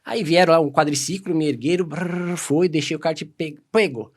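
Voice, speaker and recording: A Brazilian man telling stories as a podcast guest, casual and animated, acting out quoted dialogue. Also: on the high side, crowd noise. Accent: Brazilian Portuguese. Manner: animated, quick anecdotes full of quoted dialogue. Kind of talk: casual storytelling.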